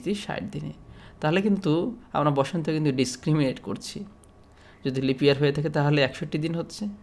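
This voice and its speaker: A man from Bangladesh giving an explanatory lecture as a teacher, speaking steadily with frequent pauses and fillers. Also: a little high.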